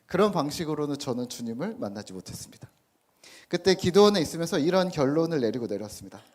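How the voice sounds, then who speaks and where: A middle-aged man with a slightly higher-than-average voice delivers a sermon-style testimony. He tells his story earnestly and pauses on rhetorical questions. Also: very animated, darkish tone. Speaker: pastor.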